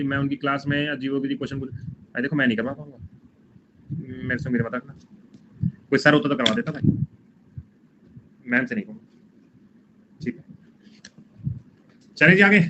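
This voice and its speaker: A man teaching a live online exam-prep class, drilling quick memory tricks and coaxing his students along. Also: mid-range voice, sharp tone. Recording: dull lo-fi stream audio with faint noise.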